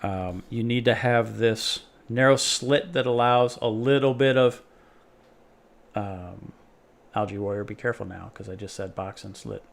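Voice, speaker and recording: A man's voice: fairly low pitch, a little slow, vocal fry. A man hosting a live stream, chatting casually and joking with viewers while he tinkers with a homemade project. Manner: rambling, jokey, talks to chat while tinkering.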